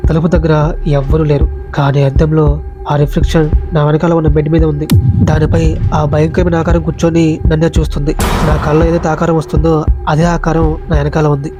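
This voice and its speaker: A man narrates a horror tale in a tense, dramatic voice-over, racing through the lines. His voice is dark and mellow and sits a little high, with a flat, even pitch. Faint music plays under him. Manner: tense, dramatic first-person telling. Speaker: storyteller.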